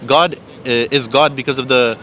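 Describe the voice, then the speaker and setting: A man's voice: mid-range voice, steady tone, moderate pace, bright, forceful tone. A man in an impromptu religious debate on the street, explaining his points insistently and repeating them. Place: outdoors on an urban street.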